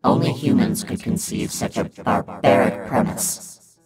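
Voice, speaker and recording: A woman voicing a vast, three-faced cosmic god in whispered role-play, with terse, slow, breathy pronouncements. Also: over music, lightly acted. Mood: stern.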